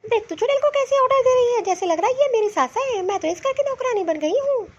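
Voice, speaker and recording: A woman's voice: extremely high pitch, lively intonation, quick pace. A woman voicing a weary, grumbling elderly mother-in-law in a cartoon who mutters complaints to herself. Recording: dull lo-fi sound.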